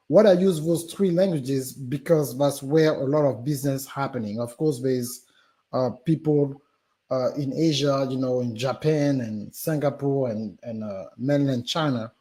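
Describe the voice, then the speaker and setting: A man from Gabon with a French accent appears as a business guest on a live stream interview. His mid-range voice is warm and a little slow, and he talks animatedly with many fillers and restarts.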